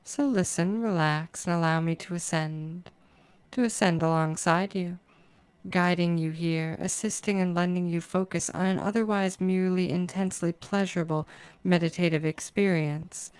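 A woman guides a listener into trance as a hypnotist, her phrasing soft, slow and drawn out. Her voice sits a little low and sounds smooth and resonant. The recording is dry and close, with no room around her. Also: steady tone, no room sound.

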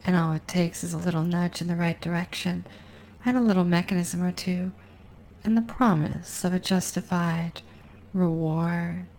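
A woman guiding a hypnosis session, speaking in a slow, repetitive, hypnotic cadence with a sultry, intimate tone aimed at the listener. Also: fairly low pitch, darkish tone, slight background noise, low-quality recording. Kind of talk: guided hypnosis recording.

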